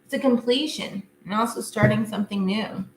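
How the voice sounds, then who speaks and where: A woman with a medium-pitched voice, talking a little fast, hosts a live tarot reading as the tarot reader. She chats casually with viewers and laughs often, in an echoey room with faint background noise.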